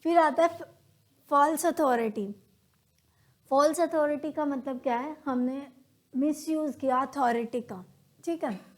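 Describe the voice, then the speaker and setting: A woman with an Indian accent giving a classroom lesson in a high voice, taking her time over every point. She poses questions and answers them herself, now and then acting out little everyday examples. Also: unhurried, long pauses. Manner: acts out everyday examples in quoted dialogue. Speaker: teacher. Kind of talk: classroom lecture on logical reasoning.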